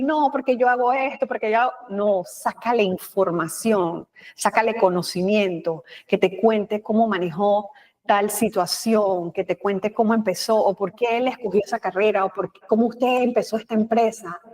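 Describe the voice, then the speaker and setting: A woman with a Panamanian Spanish accent and a mid-range voice, speaking as the guest in an interview. She talks in an animated, expressive way, acting out little quoted lines. Her speech is loose and chatty, with frequent fillers. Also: mid-range voice. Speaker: guest, communication expert. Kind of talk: conversational interview.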